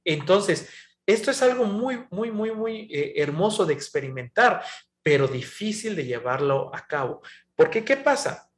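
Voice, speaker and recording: A man's voice: high voice, lively intonation, measured pace. Earnest preaching man in an echoey room. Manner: earnest, conversational, with many fillers and repeats. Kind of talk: sermon.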